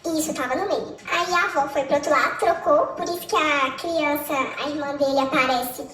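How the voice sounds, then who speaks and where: High-voiced quick Brazilian woman. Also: a bit bright, reverberant, recorded from a distance. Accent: Brazilian Portuguese. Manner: high, quick, quotes others as she tells it. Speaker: interview guest. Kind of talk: recounting a personal story.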